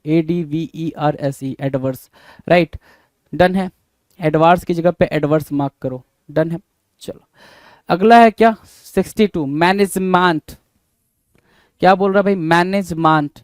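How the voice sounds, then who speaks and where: A man teaches English spelling, spelling out each word letter by letter and answering his own questions. His voice sits a little high for a man. The recording is dry and close, with no room sound. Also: no room sound. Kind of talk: spelling lesson.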